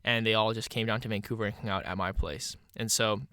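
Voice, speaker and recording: A man's voice: lowish voice, steady tone, quick pace, pushed and bright, no room sound. Early-20s guy doing a solo podcast, kinda stuffy nose, dry close mic, chill rambling. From Canada. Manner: casual, reflective, many "you know" fillers. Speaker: podcast host.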